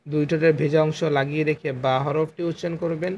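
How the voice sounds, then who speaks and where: A man teaching Quran letter articulation in an online class, explaining slowly and repeating each letter sound for his students. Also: a little high, little pitch movement, darkish tone, highs cut off, slight background noise. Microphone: phone.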